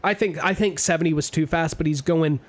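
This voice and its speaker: A young man hosting a podcast, telling a story to friends in a lively, profane way and acting out what people said. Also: fairly high pitch, brisk. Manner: animated storyteller, swears a lot, acts out quotes. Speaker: podcast host. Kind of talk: casual storytelling among friends.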